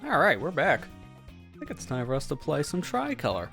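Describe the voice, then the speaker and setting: A man's voice: fairly high pitch, huge pitch swings, brisk, vocal fry, fairly bright tone, soft background music. A man hosting a casual livestream from home, chatty and joking, laughing often as he talks over voice chat. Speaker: streamer host.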